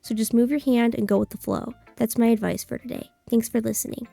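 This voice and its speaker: A woman streamer voicing a gentle, thoughtful schoolgirl poet who leads a club in a visual novel game, calm and encouraging. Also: on the high side, fairly quick, gravelly, dry recording, soft background music.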